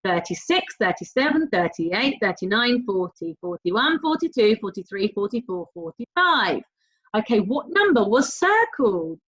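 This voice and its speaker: A woman teaching a recorded primary school maths lesson, talking directly to young pupils in an encouraging, sing-song way with drawn-out key words and prompting questions. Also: mid-range voice, sing-song, fairly bright tone, slightly rough. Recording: dull, lo-fi sound.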